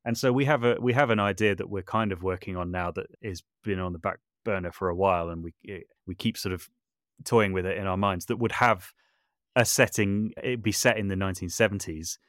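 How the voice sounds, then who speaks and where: A podcast guest who is a composer and voice artist chats casually in a low-pitched, fairly quick voice with a fairly bright tone. He's talkative and self-deprecating, hesitant and often restarting sentences, and the clean studio recording has no room sound.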